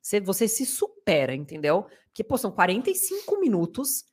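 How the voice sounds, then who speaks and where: A woman's voice: medium pitch, huge pitch swings, brisk, husky. A woman, co-hosting a podcast in casual, chatty talk, laughing often. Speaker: podcast co-host. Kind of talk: casual chat.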